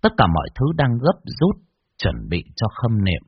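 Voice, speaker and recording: A man narrating a scripted horror story with an expressive, varied delivery. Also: lowish voice, moderate pace, husky, no echo, dull audio.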